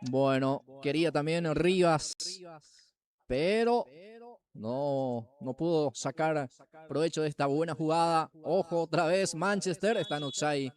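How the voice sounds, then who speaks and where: A Paraguayan man works as a football play-by-play announcer, commentating live. His voice sits a little higher than most men's. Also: a little slow, a little mellow.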